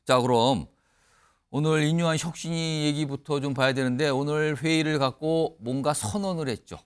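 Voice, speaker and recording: A man's voice: a little high, normal speed, clear, resonant tone. A man anchoring a news talk show, introducing panelists and prompting them with questions and short acknowledgments. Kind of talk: studio panel discussion.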